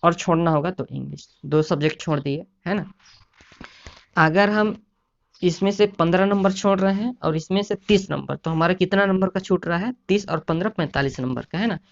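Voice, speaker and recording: A man's voice: sits high, moderate pace, gravelly. A man explaining exam preparation in a casual lecture, often repeating "है ना" and "साथियों". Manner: repetitive, keeps adding "है ना" and "साथियों". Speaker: exam prep teacher. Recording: dull lo-fi sound.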